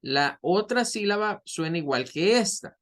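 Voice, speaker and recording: A man's voice: high-pitched, lively intonation, fairly bright tone. A male English teacher walks through pronunciation step by step. He explains patiently and says each model sound several times, raising his voice when he demonstrates it. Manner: explains slowly, repeats model sounds aloud. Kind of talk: online pronunciation lesson.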